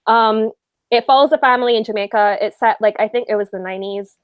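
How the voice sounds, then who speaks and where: A woman's voice: on the high side, fairly even intonation, fast, smooth, no echo, highs cut off. A woman, chatting and giggling on a book club video call. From Barbados. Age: 20s. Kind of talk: casual book club livestream chat.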